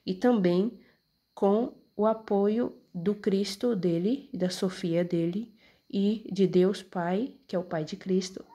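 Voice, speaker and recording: Woman, casual scripture lesson, husky voice, dark timbre, conversational, points at text. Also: mid-range voice. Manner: conversational, checks in often with "tá?" and "entendeu?"; points at text while reading. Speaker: religious teacher explaining scripture. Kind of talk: casual explanatory talk.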